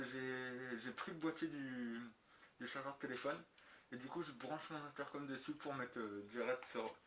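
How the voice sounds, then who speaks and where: With a fairly bright, mid-range voice, a man who makes motovlogs offers a casual, unscripted gear review full of colloquial slang and some mild cursing. Clicks, an echoey room and clear background noise are audible.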